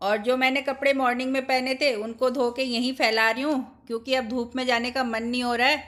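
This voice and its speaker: A woman's voice: fairly high pitch, steady tone, brisk, a bit bright. A woman in her thirties vlogging about her housework in a casual, chatty way, explaining each chore step by step. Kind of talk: casual home vlog narration.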